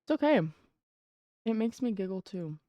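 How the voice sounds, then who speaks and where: A woman's voice: fairly high pitch, expressive, normal speed, warm tone, dry recording, lo-fi sound. A young adult woman streaming live, chatting casually with her chat while gaming and greeting viewers by name.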